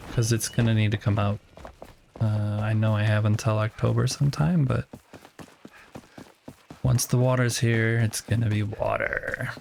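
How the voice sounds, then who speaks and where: A man's voice: fairly low pitch, vocal fry, noisy background. A man from the United States chatting casually to viewers while building in a game, musing aloud as he works. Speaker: streamer.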